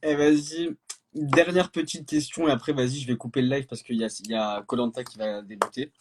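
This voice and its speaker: A man hosts a casual live stream, asking relaxed questions in slang. His voice sits at an ordinary middle pitch. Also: fairly quick, slightly rough.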